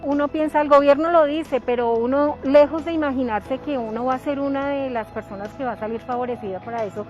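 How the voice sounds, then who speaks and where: A woman's voice: high voice, brisk, few pauses. A Colombian woman speaking plainly and gratefully in a testimonial video. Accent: Colombian Spanish. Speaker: program beneficiary in a testimonial video. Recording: lo-fi with music underneath. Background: music.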